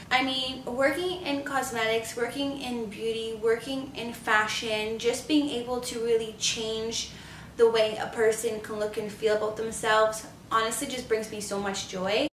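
Upbeat twenty-something vlogger gal from canada, a bit high, echoey room and set back from the mic. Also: female voice, steady tone, fairly bright tone, slight background noise. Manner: upbeat, chatty, quick bursts of speech. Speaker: beauty vlogger. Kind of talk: casual chat to camera. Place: living room or home office, indoors. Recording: roomy, slightly distant sound.

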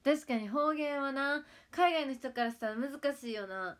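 A high-pitched woman in her twenties hosts an idol livestream, speaking at normal speed in a Kagawa dialect. She chats casually and relaxedly with viewers, reading their comments and responding to them.

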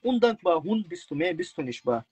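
A man's voice: high-pitched, big pitch swings, fairly quick, darkish tone. A man chatting casually on a phone livestream in blunt street slang with Arabic interjections. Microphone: phone, video call livestream.

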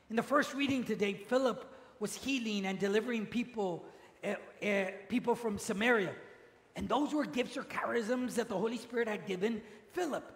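In a large, echoey church with long reverb, a priest delivers a teaching sermon and has the congregation repeat phrases after him. His voice is very high-pitched, creaky, and somewhat bright.

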